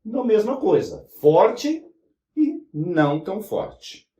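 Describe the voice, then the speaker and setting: A man teaching German in a lesson, explaining slowly and checking in with the class as he writes on a board. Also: high voice, sing-song, dark tone. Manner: explains slowly, spelling out German forms, with frequent "né?" and "tá?". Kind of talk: whiteboard language lesson. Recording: roomy sound from a distant mic.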